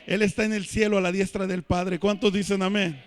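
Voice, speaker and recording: A man preaching a sermon in church, emphatic and swelling to shouts. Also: sits high, flat delivery, brisk. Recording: reverberant church hall.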